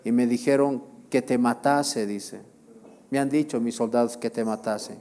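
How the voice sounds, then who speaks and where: A man preaching in a slow, deliberate sermon. His voice is mellow and dark, sitting at an ordinary pitch, and he keeps repeating phrases and putting questions to his listeners. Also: steady tone. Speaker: pastor.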